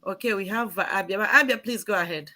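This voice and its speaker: Bright-voiced woman hosting a talk show. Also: mid-range voice, a little fast. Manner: addresses viewers directly, mixing in local words. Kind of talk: hosting a call-in discussion.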